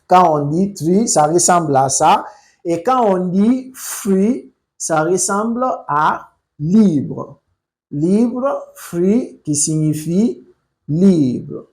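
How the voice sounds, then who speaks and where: Slow, mellow English teacher. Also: medium pitch, lively intonation, low-quality recording. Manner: slow and deliberate, repeats words for pronunciation. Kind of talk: slow spoken language lesson.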